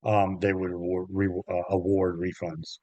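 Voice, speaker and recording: A man who works as a golf travel agent, talking in a relaxed, halting way with many ums as an interview guest. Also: low voice, dry recording, highs cut off. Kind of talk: interview conversation. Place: Myrtle Beach area.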